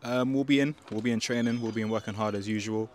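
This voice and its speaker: Speaking fast in a lowish, steady voice, the young adult player answers post-match questions outdoors into a handheld microphone, with a little hiss or hum on the recording. He hesitates, restarts often, leans on fillers, and keeps saying "do you know what I mean."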